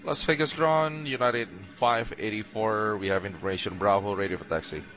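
A man calling air traffic control over a cockpit headset, reading back clearances in a brisk routine way. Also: lowish voice, fairly bright tone, lo-fi sound, soft background music. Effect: pilot radio over cockpit headset. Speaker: airline pilot. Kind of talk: air traffic radio calls.

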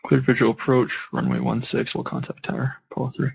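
A man with a gravelly, husky voice making pilot calls on air traffic control radio. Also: level tone, a little fast. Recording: muffled low-fidelity radio audio.

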